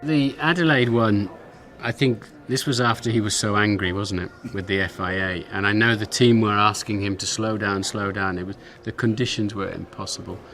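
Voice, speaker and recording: Ex racing driver telling a race story, lowish voice, calm. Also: male voice, moderate pace, faint music behind. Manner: matter-of-fact storytelling. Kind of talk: documentary interview recollection.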